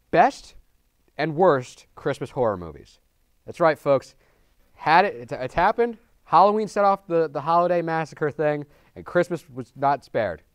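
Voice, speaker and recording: A man co-hosting a film review show, joking and talking to the viewers in an animated, casual way. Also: fairly high pitch, dry recording. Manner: animated, jokey, talks to viewers as folks. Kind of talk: casual movie review chat.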